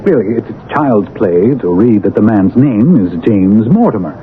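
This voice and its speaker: An actor playing an earnest, genial doctor, measured and slightly hesitant, in a 1970s radio drama. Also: male voice, lowish voice, sing-song, phone-quality sound, a little hiss or hum. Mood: pleased, pondering. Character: earnest, genial doctor, the detective's loyal companion. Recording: thin old radio broadcast, music.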